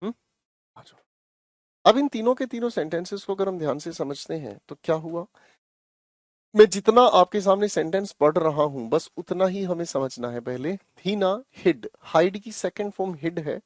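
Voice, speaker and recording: Male tutor, slightly high voice, dry close sound, patient and repetitive. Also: lively intonation, moderate pace, no echo. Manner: coaxing, repeats phrases, calls students children. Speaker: English teacher. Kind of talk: online class explanation.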